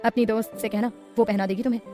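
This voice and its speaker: A woman voicing an intense, protective adult man in an audiobook, calm, tender and firm. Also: on the high side, rapid-fire, music in the background, lightly acted. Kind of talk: audiobook character voice.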